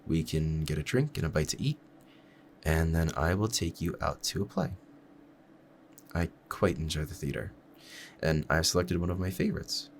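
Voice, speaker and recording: A man with a deep, rumbling voice takes the role of an assassin in love, courteously and persuasively addressing the listener in an audio drama. His phrasing stays formal and measured with an undercurrent of quiet menace, and a little hiss or hum runs underneath.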